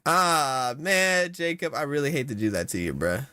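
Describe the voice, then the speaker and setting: A young man giving casual reaction commentary, slangy and exasperated, with sudden loud outbursts. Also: on the high side, big pitch swings, moderate pace, clear, resonant tone, no room sound, studio quality. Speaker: content creator.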